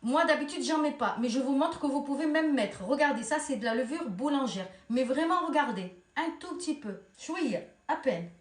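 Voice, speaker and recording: A woman with a Tunisian accent hosting a casual cooking tutorial at home, talking warmly to viewers as if to her own daughters and children. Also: high-pitched, expressive, normal speed, few pauses. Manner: chatty, addresses viewers as girls and children. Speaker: cooking channel host. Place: home kitchen. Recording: echoey kitchen with faint noise.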